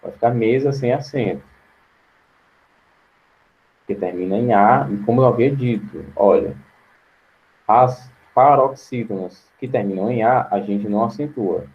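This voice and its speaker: Patient Brazilian male teacher, muffled. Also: mid-range voice. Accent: Brazilian Portuguese. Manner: patient, explains slowly and repeats words. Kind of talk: online grammar lesson.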